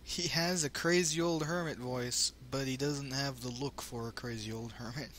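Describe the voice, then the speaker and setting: A man's voice: mid-range voice, fairly even intonation, normal speed, fairly bright tone. A man hosting a let's play with casual, wry commentary that rambles into asides. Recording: home commentary with faint noise.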